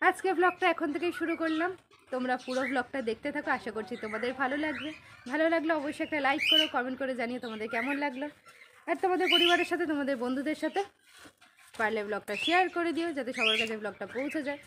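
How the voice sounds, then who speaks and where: A Bengali-accented woman with a high voice talks cheerfully to her viewers in a casual vlog, sending them good wishes. Loud background noise runs under her voice throughout. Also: rapid-fire. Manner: chatty, affectionate greetings to viewers. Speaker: vlogger. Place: home and village market.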